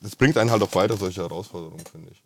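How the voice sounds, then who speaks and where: A man's voice: low voice, racing, slightly rough, no room sound. A man with a rolled R, talking casually and enthusiastically as a musician being interviewed. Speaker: musician, singer-songwriter guest.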